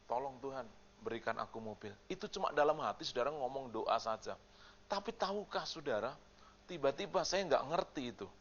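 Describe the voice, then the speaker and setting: A male pastor giving a sermon, moving between loud preaching and quiet storytelling and asking the congregation questions. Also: medium pitch, lively intonation, brisk, lo-fi sound.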